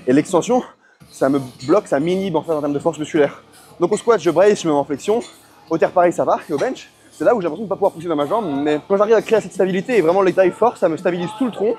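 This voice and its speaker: A young powerlifting vlogger with a fairly high, slightly mellow voice chats casually in a rambling gym vlog. Worn out after a long training session, he's talkative and keeps correcting himself.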